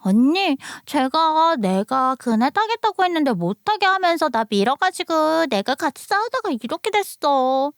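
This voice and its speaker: A woman's voice: high voice, sing-song, unhurried, hardly any pauses, dry recording, studio quality, pitched above the performer's own voice, exaggerated voice. A woman voicing a hurt, stubborn little girl who complains and pleads. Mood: whiny upset. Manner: whiny, upset, pleading.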